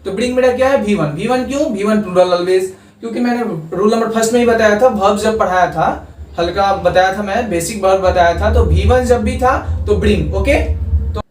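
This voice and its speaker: A man teaching English grammar in a video lesson. He dictates example sentences slowly and keeps checking in with "okay?". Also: high voice, slight background noise. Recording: echoey room, far from the mic.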